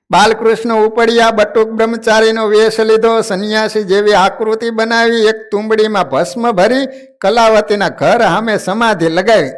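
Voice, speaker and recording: A man narrating a devotional story, animating the characters as he tells it. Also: sits high. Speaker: religious storyteller.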